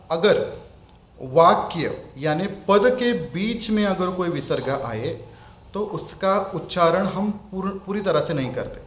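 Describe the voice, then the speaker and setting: A man with an Indian accent teaching Sanskrit recitation, chanting verses slowly and repeating each one patiently, sometimes switching into English. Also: high-pitched, roomy sound, a little hiss or hum. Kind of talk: spoken lesson with chanted verses.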